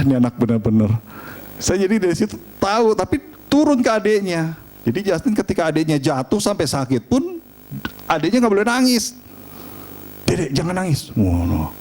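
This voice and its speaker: A middle-aged man, preaching a sermon and telling family stories in an animated, humorous way. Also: sits high, normal speed. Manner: animated storytelling, chatty and humorous. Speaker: pastor.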